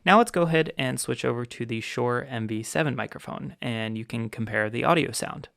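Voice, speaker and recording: Man with a gravelly edge, explaining methodically. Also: medium pitch, moderate pace. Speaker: gear reviewer and channel host. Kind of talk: product review walkthrough. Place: home office desk. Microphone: podcast microphone a couple inches from mouth.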